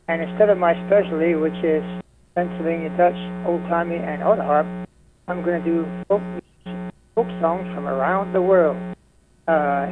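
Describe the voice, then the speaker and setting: A man's voice: a little high, noisy background. Man talking over a tinny phone line. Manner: friendly, unhurried, lists things off with fillers. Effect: heard over the phone. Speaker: folk music society representative, radio guest. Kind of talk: casual radio interview. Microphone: telephone.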